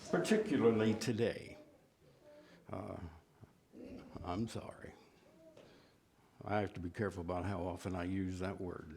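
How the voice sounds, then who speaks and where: A man's voice: sits low, fairly quick, vocal fry, a little mellow. A man from West Virginia teaching a church Bible class in a folksy, self-deprecating way, asking the class questions.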